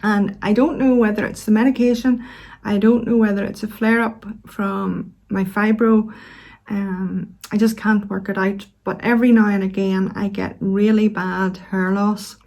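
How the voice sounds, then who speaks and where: A woman in middle age speaks with a Northern Irish accent in a soft-toned, mellow voice. She chats casually to her viewers in a gentle, unhurried way, pausing as she finds her words. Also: medium pitch, fairly even intonation. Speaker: knitting vlog host. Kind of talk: casual chat to camera.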